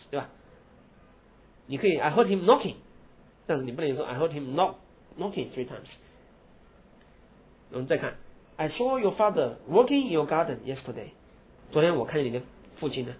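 Husky man teaching grammar, lo-fi audio. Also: a little high. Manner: explains in Mandarin, reads English examples slowly and loudly. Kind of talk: lecture. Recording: husky lo-fi phone-like recording.

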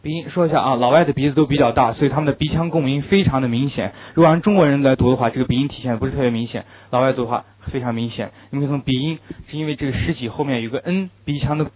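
A male teacher lectures quickly and emphatically, driving home his key points by repeating them. His voice sits in an ordinary middle register. The recording is thin and phone-like. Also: mid-range voice. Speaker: English teacher. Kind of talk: classroom lecture.

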